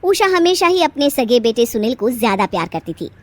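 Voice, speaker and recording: A woman narrating a moral story in a plain, steady storytelling manner. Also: fairly high pitch, brisk, no room sound. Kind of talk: scripted narration.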